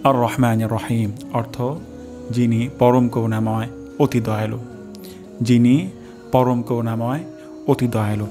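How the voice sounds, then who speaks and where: Male recitation teacher, mid pitch, slow and methodical, repeats sounds for learners; faint music underneath. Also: flat delivery. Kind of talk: step-by-step pronunciation lesson.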